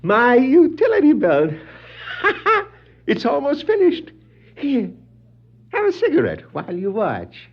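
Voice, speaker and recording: An actor playing a gleeful, vengeful crime clown who gloats theatrically and cackles, in a 1960s superhero audio drama. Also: male voice, very high voice, huge pitch swings, takes it slowly, vocal fry, long pauses, full character voice. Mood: gleeful, gloating. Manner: frequent wild cackling laughter, theatrical gloating. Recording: vintage dull lo-fi vinyl record, music.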